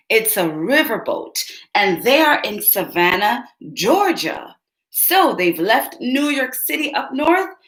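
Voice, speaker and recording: A woman with a slightly high, bright voice reads a picture book aloud to young children, stopping to ask them questions as she goes. She speaks directly to her young listeners, and the recording has a roomy echo.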